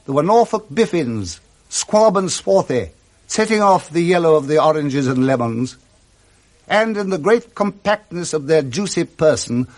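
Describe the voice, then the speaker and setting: A British-accented man narrates a classic story from a script in the style of 1960s radio, expressively relishing every detail. His voice is a little high.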